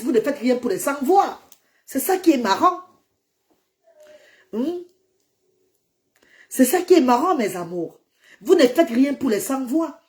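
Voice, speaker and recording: A woman speaking on a livestream in a fairly high voice, defiant and emphatic. She answers her critics head-on and drops into English phrases now and then. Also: darkish tone. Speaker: charity founder on a livestream. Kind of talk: live social media monologue.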